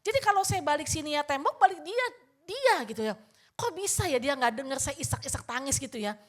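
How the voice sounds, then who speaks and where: A woman's voice: sits high, expressive, fairly quick. An older woman pastor preaching a sermon, telling a personal story and often addressing the congregation, acting out her own past remarks.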